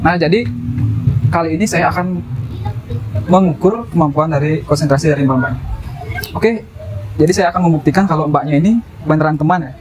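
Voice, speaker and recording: A man's voice: fairly high pitch, a little fast, pauses often, low-quality recording. A man in his twenties chatting and explaining as a street interviewer, recorded outdoors by a road. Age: 20s. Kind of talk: casual street chat.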